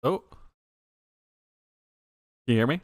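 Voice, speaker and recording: A man's voice: slow, a little mellow, no echo, clean studio sound. A man hosting a livestream, interviewing casually in an effusive, informal way with rambling questions. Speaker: livestream host.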